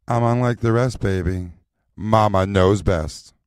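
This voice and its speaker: A man performing recorded voice lines as a sassy, confident drag mother teaching a class, in a slow rhythmic chant with sultry stretched endings. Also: on the low side, clean tone, no echo, lightly acted.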